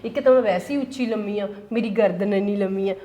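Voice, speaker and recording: A woman's voice: mid-range voice, fast, mellow, lightly acted. A woman with a Malwai Punjabi accent playing a scheming, boastful elder daughter-in-law who bickers and mocks. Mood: bickering. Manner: quarrelsome, mocking.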